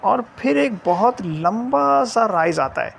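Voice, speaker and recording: Gravelly man explaining a lesson. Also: very high-pitched, animated, slow pace, slight background noise. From Pakistan. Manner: explanatory, repeats "theek hai" after nearly every phrase. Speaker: English teacher. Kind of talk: video lesson, mixing Urdu and English.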